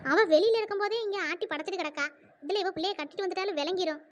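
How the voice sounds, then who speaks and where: Squeaky, sarcastic village wife. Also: rapid-fire. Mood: scornful. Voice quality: high squeaky cartoon voice. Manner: sarcastic, grumbling asides. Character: sharp-tongued scheming village wife muttering asides. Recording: dull lo-fi audio.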